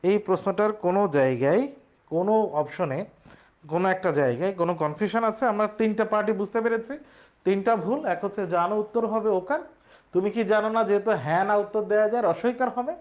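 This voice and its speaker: A young man teaching a live online class. He explains step by step, repeats key words, asks the class questions and reads examples slowly with a rising tone. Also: sits high.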